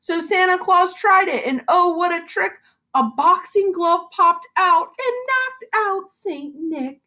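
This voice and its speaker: Reading a storybook to children at a slow pace, a high-voiced woman sounds like a seasoned school reading teacher. She's animated and theatrical, leaning hard into the rhymes.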